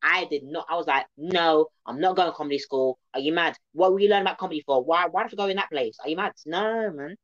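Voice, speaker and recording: A woman, a comedian talking in an animated, playful way with casual slang. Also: low-pitched, quick pace, few pauses, dry recording. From England. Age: 20s. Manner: animated, playful, uses slang like innit and man. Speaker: guest comedian. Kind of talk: casual interview chat. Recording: slightly dull lo-fi sound.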